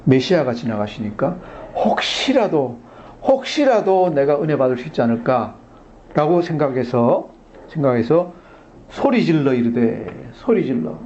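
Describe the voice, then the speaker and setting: A pastor preaching a Sunday sermon, asking his congregation questions and acting out the blind men's cries and the crowd's hushing. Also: mid-range voice, very animated, measured pace, lo-fi sound, a little hiss or hum. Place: church sanctuary.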